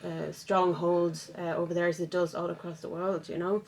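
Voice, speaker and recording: Articulate Swedish woman, lowish voice. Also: flat delivery, gravelly, a little mellow. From Sweden. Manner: articulate, measured, with some fillers. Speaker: local councillor. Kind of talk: interview guest.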